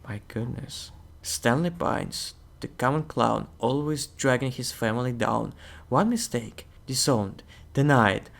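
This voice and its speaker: A YouTuber reading out text and reacting in casual, excitable, nervous asides. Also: male voice, mid-range voice, slow pace, creaky.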